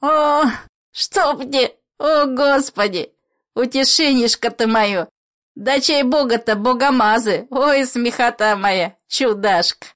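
A woman doing a loud, merry poor mother. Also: on the high side, takes it slowly, pitched above the performer's own voice. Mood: laughing. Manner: loud, laughing exclamations. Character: merry, boisterous poor mother, laughs easily.

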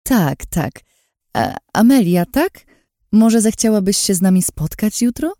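A woman's voice: mid-range voice, big pitch swings, a little slow, dark tone, no room sound, studio quality, pitched above the performer's own voice. A woman voicing a sweet but scheming young woman who gives orders in an overly sweet, insistent tone. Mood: pushy.

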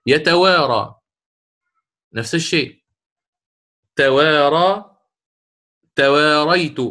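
A man's voice: on the high side, slow, pushed and bright. A middle-aged sheikh teaching Quran recitation rules in a classroom lecture, explaining step by step, repeating key words and quizzing his students.

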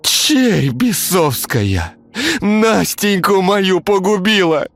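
A man's voice: high voice, lively intonation, drawn-out words, fairly bright tone, faint music behind, voice pushed up, full character voice. A man reading a story, voicing a grieving older peasant mother who cries and laments. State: crying.

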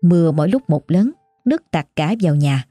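A woman narrates a ghost story in a measured, somber way. Her voice sits low and mellow, the recording is dry and close, and faint music plays underneath. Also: expressive, no echo.

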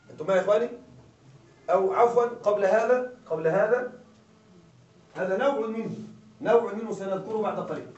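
High-voiced man teaching, echoey and distant. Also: fairly quick, long pauses, darkish tone. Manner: keeps checking with listeners, repeating questions. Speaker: grammar teacher. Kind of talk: classroom lecture. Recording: echoey dull room sound from afar.

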